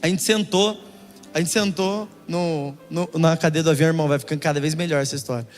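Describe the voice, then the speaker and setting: A young pastor from Brazil with a high voice, preaching through a comic story in an animated way. His words ring out in a church hall with long reverb. Soft music plays underneath. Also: fast. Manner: animated, keeps calling the listener brother. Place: church auditorium.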